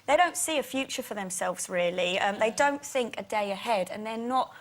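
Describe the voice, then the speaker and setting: A woman in her twenties, a guest on a TV chat show, talking quickly and animatedly, sometimes giggly. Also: medium pitch, expressive. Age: 20s. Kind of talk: casual TV chat show interview. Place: TV studio.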